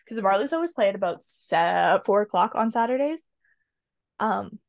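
A podcast co-host chats casually, opinionated and rambling with lots of ums. Her mid-range voice comes through with no echo.

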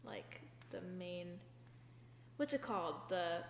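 A woman's voice: on the low side, huge pitch swings, slow pace, creaky. A young woman co-hosting a casual podcast, rambling through stories with lots of "like" fillers. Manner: chatty, many fillers, rambling retellings. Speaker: podcast co-host. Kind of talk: casual chat. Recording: echoey room with long reverb, faint hum.

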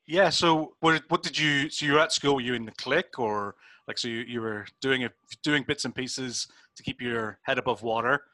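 A man's voice: medium pitch, normal speed, sharp tone, no room sound. A man hosting a casual interview, asking rambling questions with many restarts. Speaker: interviewer, host.

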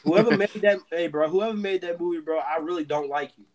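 Animated young man calling everyone bro. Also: on the high side, fast talker. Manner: animated, emphatic, ends lines with "bro". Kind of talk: casual chat.

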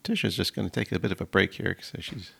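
A man's voice: deep voice, quick pace, gravelly, sharp tone, husky. A man co-hosting a podcast in easygoing, agreeable casual chat. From Ontario, Canada. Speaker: podcast co-host.

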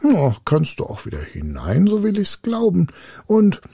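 A man voicing a fearless, quick-witted young woodcutter's son in a storybook reading, in a raised, gravelly voice. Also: sits high, dry recording, clean studio sound, pitched above the performer's own voice, exaggerated voice. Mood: cunning. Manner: quick, lively, unafraid.

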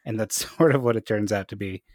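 A man's voice: on the low side, fairly quick, darkish tone, no echo, clean studio sound. A man hosting a casual podcast chat, playful and jokey as he steers the topics. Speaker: podcast host.

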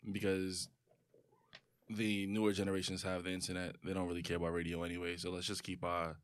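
A man co-hosting a casual podcast, opinionated with quick comebacks. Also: low-pitched, completely flat delivery, clean tone, no room sound. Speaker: podcast co-host. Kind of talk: casual chat.

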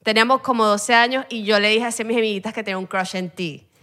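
A young woman with a Venezuelan Spanish accent speaks fast and playfully, tossing English phrases into her casual chat. Her voice sits a little high and sounds bright and sharp. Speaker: guest.

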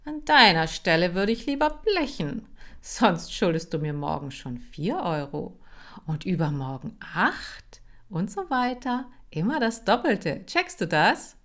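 A woman's voice: on the low side, expressive, unhurried, fairly bright tone. A woman voicing a cocky, cheating schoolboy bully who taunts and sneers. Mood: taunting.

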